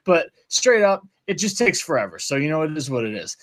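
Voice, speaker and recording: A man's voice: a little high, very animated, fairly quick, fairly bright tone. A man hosting a casual podcast, rambling through stories with lots of "like", laughing and swearing casually. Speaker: podcast host.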